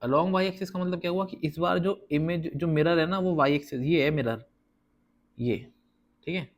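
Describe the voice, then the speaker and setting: Gravelly-voiced man teaching math. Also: on the high side. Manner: explains step by step, often checks with "thik hai", "hai na"; counts slowly while drawing. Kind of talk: casual whiteboard math lesson.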